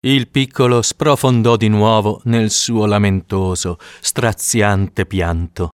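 A man narrating an audiobook in an expressive storytelling manner. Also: lowish voice, slow pace, clean tone, dry recording, clean studio sound.

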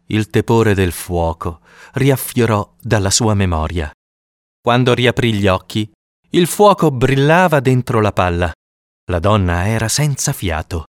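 A man narrating an audiobook in an expressive storytelling manner. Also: lowish voice, measured pace, no echo, clean studio sound.

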